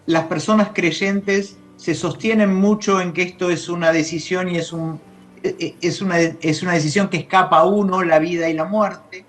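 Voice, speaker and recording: Reflective Argentine woman explaining, measured delivery. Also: lowish voice, fairly even intonation. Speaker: grief specialist guest on a talk show. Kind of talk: explanatory interview talk.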